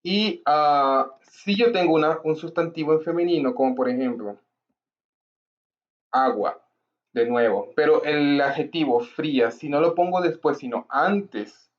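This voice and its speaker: A man's voice: on the high side, measured pace, lo-fi sound. A male language teacher explaining grammar patiently, repeating examples and checking in with his listeners. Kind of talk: grammar lesson to camera.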